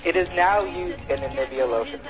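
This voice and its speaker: A man's voice: on the high side, a little fast, loud music behind the voice. A man co-hosting a podcast, dry and sarcastic in casual chat. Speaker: podcast co-host.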